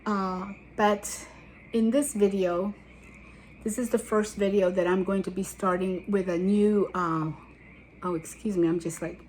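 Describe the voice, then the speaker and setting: A woman in her seventies, originally from Guatemala, hosts a YouTube channel and tells her life story casually to camera, drifting into asides. Sweaty after a walk, she speaks a little slowly in a mid-range, darkish, fairly even voice, on a low-quality recording with some hiss or hum.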